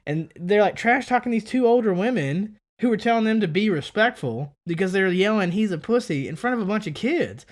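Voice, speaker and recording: A man's voice: high-pitched, fairly quick, hardly any pauses. Guy in his 30s on a podcast mic, chatty, cusses a lot, gets worked up telling stories. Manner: animated storytelling, swearing freely. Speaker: podcast co-host. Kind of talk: casual chat.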